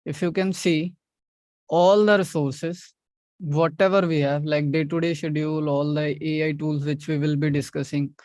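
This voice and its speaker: North indian guy running an online training, kinda high voice, repeats himself, asks quick check-in questions. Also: flat delivery, a little mellow, dry recording. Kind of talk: interactive online teaching.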